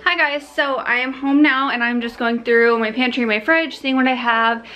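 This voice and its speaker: A young adult woman vlogs casually to camera from her car and home kitchen, holding the camera at arm's length. Her voice is a little high, pushed, and bright, with a steady tone and normal speed, and she sounds upbeat and full of fillers.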